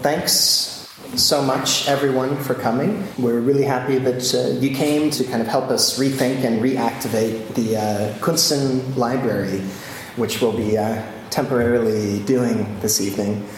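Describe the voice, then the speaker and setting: A man's voice: mid-range voice, measured pace. Male event host, welcoming, hesitant, lots of fillers, very echoey room, light noise. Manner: friendly, hesitant, many fillers.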